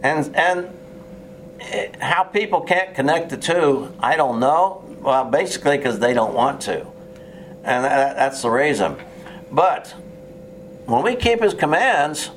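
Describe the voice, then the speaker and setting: A man's voice: fairly high pitch, slight background noise. A man preaching a sermon in an earnest, plain way, with touches of sarcasm and frequent restarts.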